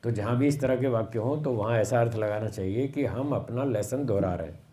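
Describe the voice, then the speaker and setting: A man giving a sermon on scripture, slow and explanatory, repeating phrases for emphasis. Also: medium pitch, mellow. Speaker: swami giving a Vedic discourse.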